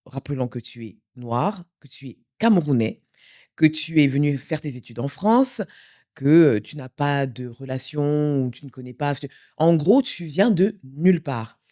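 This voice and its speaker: A woman's voice: sits low, lively intonation, a little slow, mellow. A woman hosting a podcast interview, introducing her guest and asking questions. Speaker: podcast host.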